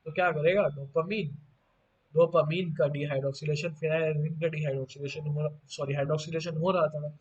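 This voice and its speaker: A man teaching a pharmacy lecture with a fairly high-pitched voice. He keeps asking questions and answering them himself, and drops in playful asides. The audio sounds dull and lo-fi. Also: steady tone, brisk. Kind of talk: online lecture.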